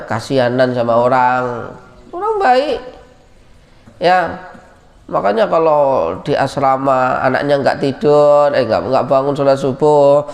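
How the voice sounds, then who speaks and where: Gravelly man teaching in a reverberant hall. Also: a little high. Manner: lively, teasing, calls out names loudly. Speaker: Islamic boarding school teacher. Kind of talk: casual religious lecture. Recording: long reverb.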